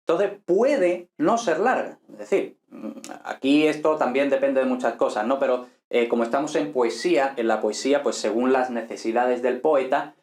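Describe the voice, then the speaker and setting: A man gives a recorded lesson in a relaxed explanatory way, pausing often to check that his students follow. His voice sits in a middle register. The room around him adds a noticeable echo. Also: medium pitch. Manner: explanatory, frequent "¿vale?" and "¿no?" checks. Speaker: Latin teacher. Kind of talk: online lecture.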